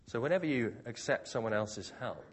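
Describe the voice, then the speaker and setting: Man, preacher, sermon, husky voice, lively intonation, conversational. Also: brisk. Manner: conversational, expository, with lively pitch.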